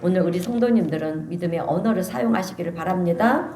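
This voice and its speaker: A woman pastor preaching a sermon, animated and calling the congregation to answer amen. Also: lowish voice, fast. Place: church sanctuary. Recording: echoey church sanctuary.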